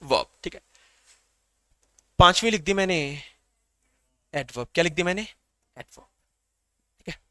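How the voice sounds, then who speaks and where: A man's voice: fairly high pitch, lively intonation, unhurried, long pauses, sharp tone, no echo, clean studio sound. A man teaching English grammar in a lecture, who keeps asking the class questions and answering them himself.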